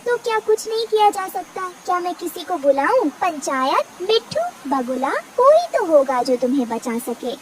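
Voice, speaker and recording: Woman playing a mother bird, cartoon, anxious, pleading, high voice, distant. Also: big pitch swings, moderate pace, hardly any pauses, a little mellow. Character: worried mother bird, young female, devoted. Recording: distant with faint noise.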